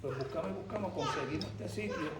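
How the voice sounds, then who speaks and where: Older male pastor, emphatic testimony sermon, slightly high voice, distant noisy church recording. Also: fairly quick. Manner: emphatic storytelling. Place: church sanctuary. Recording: echoey church from far off, noisy.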